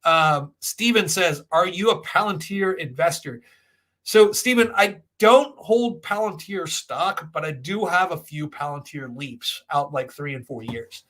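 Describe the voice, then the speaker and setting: Bright-voiced man riffing on stream. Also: fairly high pitch, lively intonation, unhurried. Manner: opinionated, rambling, often tagging points with "right?". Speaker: host of a financial Q&A livestream. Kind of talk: casual off-the-cuff commentary.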